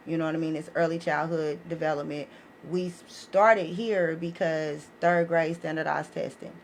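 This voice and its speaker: An American woman with a low, fairly even voice at normal speed appears as a podcast guest to present her educational book series. She explains casually yet emphatically, often asking whether listeners are following, in a clearly noisy live recording.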